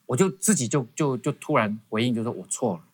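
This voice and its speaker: A man's voice: mid-range voice, expressive, fast. A man giving a personal testimony as a guest in an interview, telling it animatedly with frequent restarts. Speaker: guest professor.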